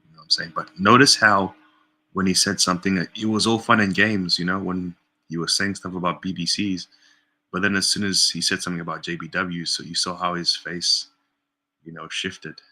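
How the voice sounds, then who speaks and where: Deep-voiced man with a sharp, forceful tone. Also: flat delivery, poor audio. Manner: measured, hedging with frequent fillers. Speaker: streamer commenting on a clip. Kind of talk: casual stream commentary.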